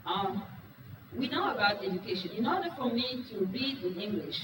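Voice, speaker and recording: Her mid-range voice has lively intonation and a moderate pace. Speaking at a business talk, a woman with Wolof as her first language earnestly and frankly questions her live audience in a meeting room, heard through a far-off mic amid echo and noise.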